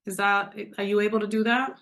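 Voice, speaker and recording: Middle-aged woman pitching a leadership program. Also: level tone, fairly quick, fairly bright tone. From Dominican Republic. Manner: conversational and persuasive, addressing listeners directly. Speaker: leadership coach and program presenter. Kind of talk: online presentation to a group. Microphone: video call.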